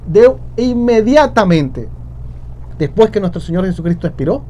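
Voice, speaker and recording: High-voiced preaching man. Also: expressive, normal speed, warm tone, highs cut off. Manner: preaching with repetition, addressing "hermanos". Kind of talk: sermon.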